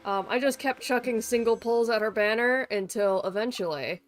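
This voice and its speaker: On the high side and at a normal speed, a woman chats through her game livestream. The talk wanders, full of playful teasing and some swearing, and music plays in the background.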